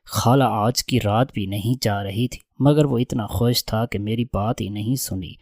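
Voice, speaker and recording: Low-voiced man reading a story. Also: a little mellow, no echo, studio quality. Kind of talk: first-person story narration.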